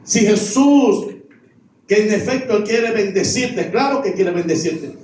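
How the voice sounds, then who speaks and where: High-voiced pastor preaching in echoey church. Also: male voice, animated, a little slow, a little mellow, distant mic, slight background noise. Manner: repetitive preaching refrains. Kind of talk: sermon. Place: church sanctuary.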